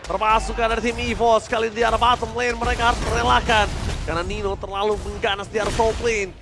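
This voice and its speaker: Man, Indonesian accent, esports caster, excited commentary, very high pitch, loud music bed. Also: fast talker. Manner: animated, emphatic, often raising his voice to a shout. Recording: music behind the voice.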